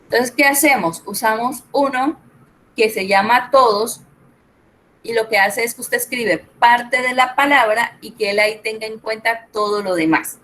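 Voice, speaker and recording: A woman's voice: on the high side, moderate pace, a bit bright, poor audio. A middle-aged woman, tutoring an online spreadsheet class, explaining step by step and checking in with her students. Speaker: Excel tutor.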